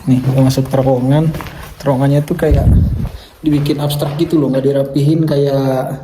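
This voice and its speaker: A man's voice: mid-range voice, flat delivery, moderate pace, background noise. A man vlogging as he walks alone through a stone tunnel, his voice echoing off the walls as he chats to his viewers. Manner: chatty, keeps calling the viewers "Lur". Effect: echoey tunnel reverb. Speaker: travel vlogger. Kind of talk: casual walking vlog.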